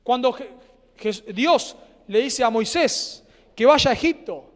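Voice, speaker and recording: An Argentine man preaches a sermon with a noticeably high voice, earnest and animated, pausing for effect and letting phrases fade to a hush. His words carry a long echo from the church sanctuary around him. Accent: Argentine Spanish. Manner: earnest, animated preaching with dramatic pauses and trailing quiet endings. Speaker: pastor. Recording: church hall with long reverb.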